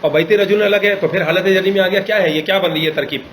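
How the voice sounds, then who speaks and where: A man's voice: high voice, fairly even intonation, a bit bright, echoey room, poor audio. A male teacher leading an Arabic grammar class, patiently correcting and quizzing his students.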